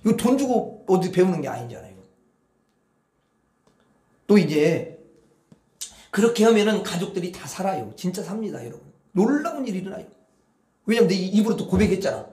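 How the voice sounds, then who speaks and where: A man preaching a sermon as pastor, drawing the congregation into call-and-response and swinging between hushed murmurs and loud outbursts. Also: high voice, big pitch swings, fairly quick, long pauses. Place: church sanctuary. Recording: echoey church hall.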